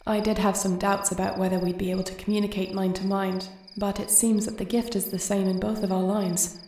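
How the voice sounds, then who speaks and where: A woman playing a composed, gentle warrior princess and dragon shifter in an intimate fantasy audio roleplay, speaking formally and with measured care. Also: mid-range voice, little pitch movement, slight background noise, lightly acted. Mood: composed, candid.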